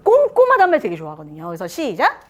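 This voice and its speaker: A woman's voice: mid-range voice, wildly swooping pitch, fast talker. A woman giving a live lecture to parents on communication styles, playful, often laughing and acting out what people say. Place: lecture room with a live audience.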